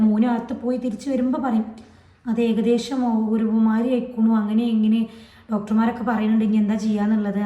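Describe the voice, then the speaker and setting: A woman's voice: fairly high pitch, mellow, echoey room, highs cut off. A woman, telling a personal story to her channel in a rambling, repetitive way. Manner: rambling, repetitive retelling with many fillers. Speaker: vlogger.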